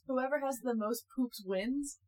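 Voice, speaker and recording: A young woman chatting casually as a podcast co-host, full of fillers and quick asides. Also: sits high, a little mellow. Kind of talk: casual chat. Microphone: one shared mic.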